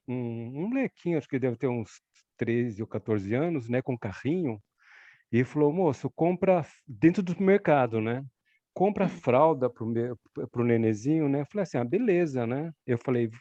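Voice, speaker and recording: A man's voice: mid-range voice, no room sound. Rambling man on dull dry audio. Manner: rambling, animated, with frequent tag questions. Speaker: study group participant. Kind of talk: casual storytelling.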